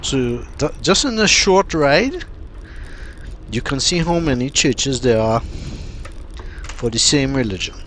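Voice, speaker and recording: Man, casual vlog commentary, unhurried, filler-heavy, medium pitch. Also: lively intonation, a bit bright, slight background noise. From Trinidad. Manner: unhurried, chatty, many fillers and pauses. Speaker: cycling vlogger.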